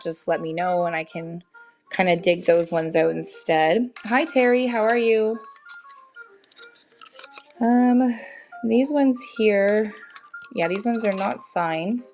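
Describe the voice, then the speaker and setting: Her voice is fairly low and darkish, strained by a cold and fatigue. This young woman hosts a live-stream sale, running the auction with relaxed chatter and welcoming viewers by name, while faint music plays under the dull, lo-fi audio.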